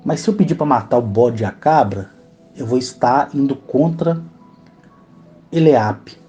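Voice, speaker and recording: A man with a Brazilian Portuguese accent telling his experiences in phone voice messages, earnest and emotional, slowing to a solemn pace when he quotes himself. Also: mid-range voice, expressive, dark tone, highs cut off, soft background music. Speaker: channel host recounting alien contact experiences. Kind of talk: storytelling in recorded voice messages.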